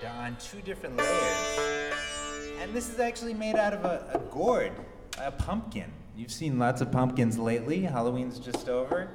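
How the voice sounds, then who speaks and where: A man's voice: medium pitch, animated, moderate pace, loud music behind the voice. A man showing a class of children the sitar, explaining it patiently and asking them questions. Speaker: sitar player teaching children. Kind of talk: classroom music demonstration. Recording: echoey hall. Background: sitar playing.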